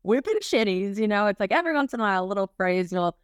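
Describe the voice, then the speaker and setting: An American woman from Minnesota, a human resources executive, appears as a podcast guest and tells career stories casually, peppered with "like" and "you know." Her medium-pitched voice is animated and fast, with a clean tone in a dry, studio-quality recording.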